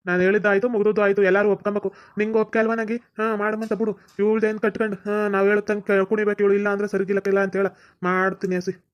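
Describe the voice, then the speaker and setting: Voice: mid-range voice, level tone, fast talker. A voice actor with a North Karnataka Kannada accent playing a bossy village elder in a cartoon comedy. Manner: bossy, ordering others about.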